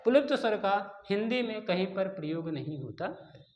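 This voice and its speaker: A man teaching a grammar lesson to exam students, repeating key terms slowly and asking and answering his own questions. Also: high-pitched, very animated, darkish tone. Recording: echoey room.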